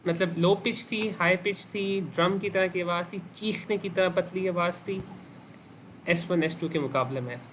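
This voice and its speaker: A man's voice: high-pitched, unhurried, a bit bright, slight background noise. A man with a Pakistani Urdu accent giving a medical class lecture. He quizzes the students and echoes their answers, and he mixes English medical terms into his speech. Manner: asks students questions and repeats their answers.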